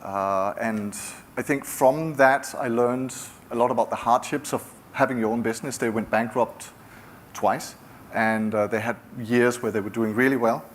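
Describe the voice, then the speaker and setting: A middle-aged Danish man with a Danish accent gives a conference talk as a founder, speaking conversationally but haltingly with frequent restarts. His voice is medium in pitch and steady, with slight background noise.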